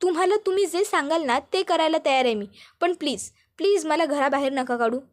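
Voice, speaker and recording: A woman's voice: high voice, a little fast, lightly acted. A woman voicing a young woman who pleads tearfully for forgiveness, repeating "please". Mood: pleading.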